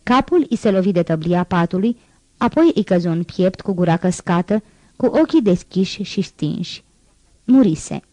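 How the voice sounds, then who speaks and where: A woman narrating a classic novel as an audiobook, in a measured, dramatic reading. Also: on the low side, lively intonation, a little mellow, no echo. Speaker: audiobook reader.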